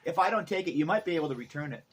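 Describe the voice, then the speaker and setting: A man's voice: fairly high pitch, animated, very fast, fairly bright tone. A middle-aged man talking casually in a vlog, rambling and thinking aloud as he goes. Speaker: vlogger, musician. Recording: noticeable background noise, ambience.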